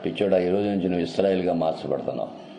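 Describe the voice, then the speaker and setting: A stern, commanding divine voice, low and very dark, chiding a man in a sermon retelling. A preacher puts it on. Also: very fast, gravelly, a little hiss or hum. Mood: merciful. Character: stern yet merciful God speaking to a man.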